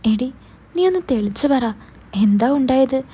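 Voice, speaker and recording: A woman's voice: high-pitched, animated, measured pace, dark tone, slightly rough, exaggerated voice. A woman voicing a caring young man who acts as a protective older brother, pressing with urgent, coaxing questions. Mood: concerned. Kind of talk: storytelling.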